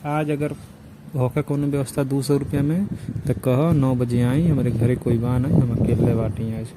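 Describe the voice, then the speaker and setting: A man with a Bhojpuri accent talks casually on a telephone call. His voice sits at an ordinary male pitch, and the recording carries clear background noise. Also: steady tone, moderate pace. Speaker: caller. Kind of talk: casual phone chat. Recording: noisy phone call recording.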